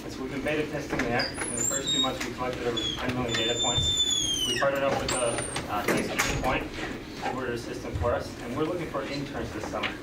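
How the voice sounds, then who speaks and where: A man's voice: mid-range voice, wildly swooping pitch, brisk. A young man from Finland, out of breath, giving an upbeat class announcement with many fillers. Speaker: student presenting to a class. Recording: roomy classroom audio from far off, loud background noise.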